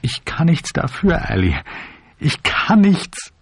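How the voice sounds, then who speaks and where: A man's voice: on the high side, big pitch swings, takes it slowly, gravelly, husky, dry recording, voice pushed up, exaggerated voice. A man voicing a frail, desperate male addict who weeps and pleads. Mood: whimpering. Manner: tearful, whimpering, pleading.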